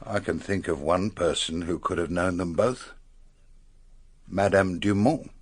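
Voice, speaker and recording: An actor playing an earnest, harried British police inspector in a radio drama, husky, serious and blunt. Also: male voice, sits low, measured pace. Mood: sober reporting.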